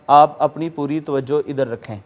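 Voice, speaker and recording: High, smooth-voiced Urdu lecturer. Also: male voice, fairly even intonation. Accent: Pakistani Urdu. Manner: patient, methodical, spells out words and repeats meanings; chants Quranic words slowly in a drawn-out recitation tone. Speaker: Quran and Arabic grammar teacher. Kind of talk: classroom-style recorded lecture.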